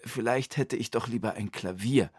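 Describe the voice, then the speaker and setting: A man's voice: medium pitch, very animated, unhurried, no room sound, clean studio sound. A man voicing an indecisive, fussy grown man in a children's radio story, speaking in a hesitant, stammering, whiny way.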